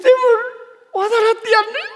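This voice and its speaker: A man's voice: very high voice, fairly quick, fairly bright tone. An actor playing a bossy, fussy middle-aged village father, scolding his wife. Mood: boasting. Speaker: comic actor in a sketch. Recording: stage with long reverb and faint noise.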